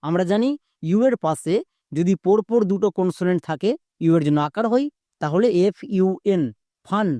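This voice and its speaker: Pronunciation teacher, step-by-step explaining, quizzing the listener, mellow tone, dry close recording. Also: medium pitch, normal speed, no room sound. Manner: instructive, repeats steps and quizzes the viewer. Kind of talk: spoken lesson explaining word breaking.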